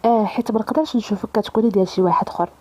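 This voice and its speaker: A woman's voice: medium pitch, steady tone, rapid-fire, mellow, close to an everyday voice, low-quality recording. A woman voicing a devoted young man, a secret lover, with a Moroccan accent. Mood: earnest.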